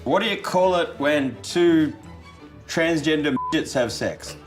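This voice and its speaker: A man's voice: on the high side, a little slow, soft background music. A man telling crude dad jokes as a challenge contestant, setting up a question and landing a blunt punchline. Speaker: contestant in a try-not-to-laugh joke challenge.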